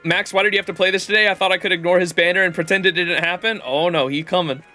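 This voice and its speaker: A man's voice: high-pitched, steady tone, fast, pushed and bright, soft background music. A man streaming a video game with casual, sweary, slangy commentary and reading dialogue aloud.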